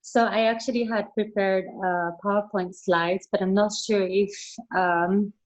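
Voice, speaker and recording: A young woman from Japan, raised in the Netherlands, speaks as a guest on a video call for an online meeting talk. Her mid-range voice is steady and measured, though the sound is lo-fi, and she comes across polite and slightly hesitant, using fillers.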